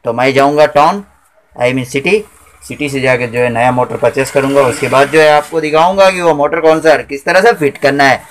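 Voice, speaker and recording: A man's voice: medium pitch, normal speed. A man in his thirties hosting a repair channel, casually talking through each step as he works in a small cluttered workshop, recorded on a handheld phone camera. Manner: chatty, explains step by step while working. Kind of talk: casual how-to repair narration.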